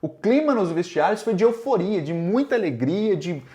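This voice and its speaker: A man's voice: sits high, big pitch swings, normal speed, warm tone. A man with a Brazilian accent hosting informal football commentary, speaking to fans in an emphatic, conversational way. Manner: emphatic, conversational, often checking with tags. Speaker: football commentator and show host.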